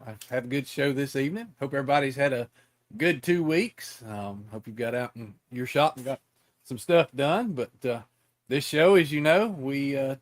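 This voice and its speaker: A man hosting a casual interview show, folksy and halting, with many fillers and restarts. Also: fairly high pitch. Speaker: podcast host.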